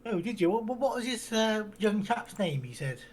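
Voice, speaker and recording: A man's voice: high voice, very animated, moderate pace, a little mellow, pitched above the performer's own voice. A man playing a rambling half-elf handyman. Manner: folksy rough grammar, rambling with fillers. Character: rough-spoken half-elf male handyman, wandering loner. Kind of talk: tabletop role-play in character.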